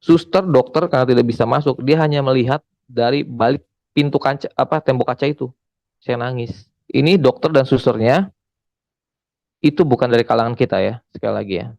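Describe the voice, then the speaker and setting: A man's voice: mid-range voice, brisk, vocal fry, a little mellow, dry recording. A man preaching and giving a testimony in a conversational, emphatic way, often calling out to his listeners. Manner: conversational, addresses listeners as saudara, emphatic repetition. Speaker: evangelist preacher. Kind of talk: sermon testimony.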